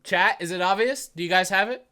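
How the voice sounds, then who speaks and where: A man co-hosting a livestream, joking and excitable in casual banter. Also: high voice, brisk. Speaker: co-host.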